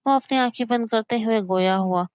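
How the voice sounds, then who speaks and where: A woman narrating a romantic novel in a steady, measured reading voice. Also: a little high, smooth, no echo, studio quality.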